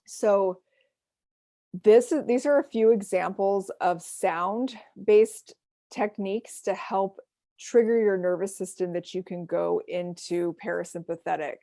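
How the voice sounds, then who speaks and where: A woman leads a self-care workshop over a video call, her voice carrying a gravelly fry. She explains things gently, pausing on ums and uhs, and the sound is close and dry with no room around it. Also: medium pitch, no room sound. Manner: gentle, explanatory, with frequent fillers. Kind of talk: online workshop presentation.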